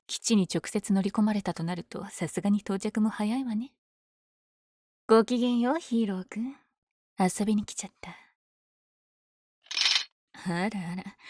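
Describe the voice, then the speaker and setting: Woman playing a mellow, teasing, lovestruck villainess. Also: medium pitch, no echo, clean studio sound, natural voice. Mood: breezy, taunting. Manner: teasing, breathy asides. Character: powerful flirtatious villain lady, smitten with her hero rival. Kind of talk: ASMR situation voice drama.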